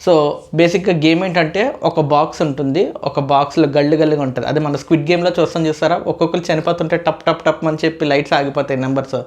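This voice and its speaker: A man's voice: a little high, steady tone, fast. A man giving a casual, opinionated episode review as a show reviewer, chatty and mixing in English phrases.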